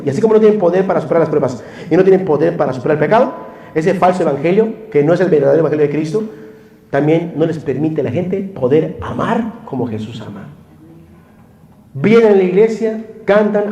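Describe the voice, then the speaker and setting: A man with a Mexican Spanish accent preaching a sermon, swinging between loud pleading and hushed confession. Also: high-pitched, muffled recording. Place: church hall. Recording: echoey room.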